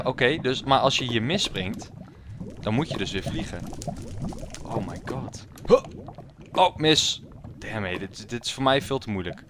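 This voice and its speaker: A man's voice: lowish voice, noisy background. A young man giving jokey, self-mocking commentary while playing a video game. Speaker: gaming YouTuber. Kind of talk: casual let's-play commentary.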